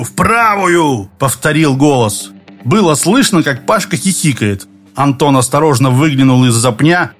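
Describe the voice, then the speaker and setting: A man narrates a storybook with steady, even storytelling. His voice sits a bit high, and faint music runs under the reading. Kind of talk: audiobook narration.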